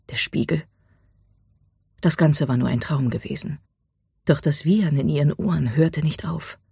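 Audiobook narrator, very husky, mid pitch, dry close sound, dramatic storytelling. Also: dry recording. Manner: dramatic storytelling, drops to a hush for tense moments.

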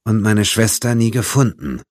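A man's voice: lowish voice, expressive, moderate pace, a little mellow, no echo, clean studio sound, voice pushed up. A man voicing a composed female FBI agent who speaks in a level, matter-of-fact way, in an audiobook. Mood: calm. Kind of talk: audiobook character voice.

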